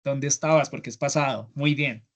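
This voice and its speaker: A man's voice: mid-range voice, moderate pace. A man with a Colombian Spanish accent teaching English grammar in an online class, explaining step by step and often checking in with "¿listo?". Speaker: English instructor. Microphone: computer mic on a video call.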